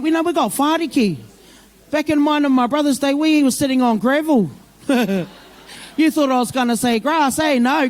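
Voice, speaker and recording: A middle-aged woman with a broad New Zealand accent, speaking informally off the cuff to a community gathering in a plain-spoken, motherly way. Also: high voice. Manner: plain-spoken, motherly, addresses listeners with endearments. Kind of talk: informal, off-the-cuff public speech mixing English with Māori phrases.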